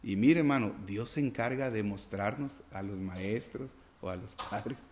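A man preaching a sermon and reading scripture aloud, asking the congregation rhetorical questions and swinging between loud emphasis and quiet asides. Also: lowish voice, a little slow, a little hiss or hum. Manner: reads scripture aloud, acting out the dialogue.

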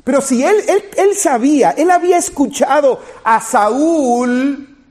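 A man's voice: very high voice, unhurried. A man preaching a sermon to his congregation, retelling a scripture story and speaking to his listeners directly. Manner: animated, rising and falling, retelling scripture with quoted dialogue.

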